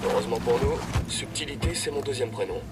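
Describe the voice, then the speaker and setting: An actor playing a cocky, slangy special forces soldier in video game squad dialogue. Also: male voice, mid-range voice, fairly quick, recorded from a distance, heavy background noise, natural voice. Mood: cocky, wary.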